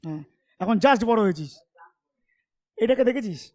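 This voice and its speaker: A man's voice: sits high, animated, a little mellow. A male commerce tutor giving an informal classroom lecture, talking to students in a familiar, teasing way and often asking if they follow. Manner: chatty, keeps checking understanding with quick questions.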